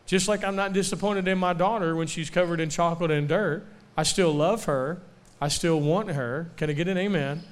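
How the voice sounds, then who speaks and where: A young man delivers a sermon at a camp meeting, his voice a touch high and smooth, even resonant. He keeps calling for amens and asking the crowd questions, and he slows down to press home the lines that matter most. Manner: call-and-response, asking for amens; slows down to stress key phrases. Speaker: preacher.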